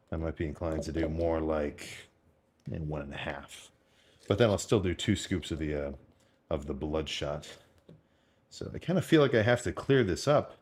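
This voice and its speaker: A young man with a very deep, low voice talks to his vlog audience. He speaks informally and off the cuff, rambling along with plenty of slang. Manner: rambling, informal, full of slang and mild swearing. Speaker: fitness vlogger. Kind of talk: casual unscripted vlog chat about eating and training.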